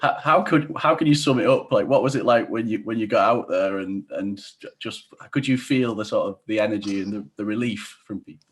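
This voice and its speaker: A man's voice: on the low side, fairly quick, husky. A young man casually interviewing a guest on a video call, asking long, hesitant questions. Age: young adult. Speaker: podcast interviewer. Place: indoor room, video call.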